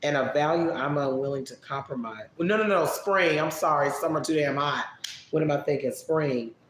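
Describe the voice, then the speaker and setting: A man casually answering viewer questions on a live stream, relaxed and chatty, musing aloud as he thinks. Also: on the high side, normal speed. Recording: echoey room with faint background noise.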